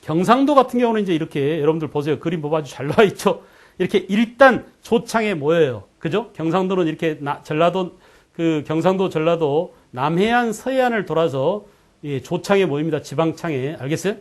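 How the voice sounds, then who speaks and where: Male history lecturer, high-pitched, drills students with quick questions and check-ins. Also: expressive. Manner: keeps checking in with students, asking "got it?"; quizzes students with rhetorical questions. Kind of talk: online exam-prep lecture.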